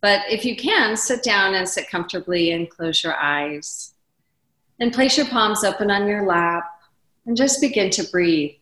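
A woman guiding a breathing meditation in a calm, meditative, soothing tone with measured instructions. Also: medium pitch, reverberant, poor audio. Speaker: podcaster and teacher guiding a breathing meditation as guest. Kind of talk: guided meditation.

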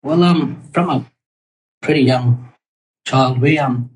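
A middle-aged man, a cultural guide answering interview questions in a halting way, with many pauses and restarts. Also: medium pitch, rough recording. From Australia, Torres Strait Islands.

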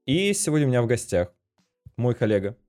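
A man from Russia hosting a podcast interview, chatting in a relaxed way with fillers. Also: mid-range voice, fairly quick, faint music behind. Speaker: podcast host.

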